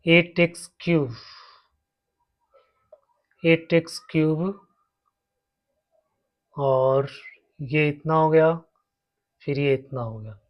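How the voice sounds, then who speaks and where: Maths teacher guy, kinda high voice, super slow, goes step by step repeating stuff. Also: lo-fi sound. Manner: talks students through each step, repeating terms. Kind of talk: slow blackboard maths lesson.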